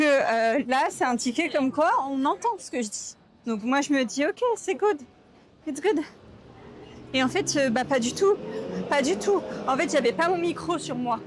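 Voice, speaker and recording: A woman's voice: high voice, slight background noise. Rambling young woman vlogging outdoors. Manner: rambling, self-mocking, slangy, many fillers. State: upset and hungry. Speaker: travel vlogger. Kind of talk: casual vlog chat to camera. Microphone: camera mic.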